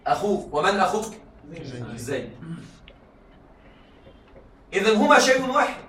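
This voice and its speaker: A man lecturing to a classroom, often repeating himself and asking if the students are with him. His voice sits high and sounds bright. He was recorded from a distance in a room with a strong echo. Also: very animated, normal speed, slight background noise. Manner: repeats points and checks students follow. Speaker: teacher of Arabic rhetoric. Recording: echoey room, mic far off.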